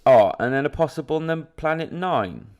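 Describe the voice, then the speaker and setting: A man's voice: on the high side, expressive, normal speed, darkish tone, smooth. A young man co-hosting a podcast, rambling in casual chat with swearing and laughs. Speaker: podcast co-host.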